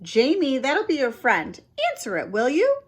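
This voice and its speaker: Woman reading as a middle-aged aunt, brisk, motherly, breathy voice, storybook. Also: sits high, huge pitch swings, pitched above the performer's own voice, full character voice. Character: kindly middle-aged aunt calling from kitchen.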